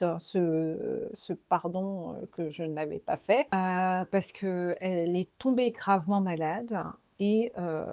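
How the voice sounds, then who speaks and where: A woman in her forties from French Guiana, hosting a podcast and sharing a personal faith testimony in a slow, reflective, earnest way. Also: mid-range voice, warm tone, dry recording. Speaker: podcast host.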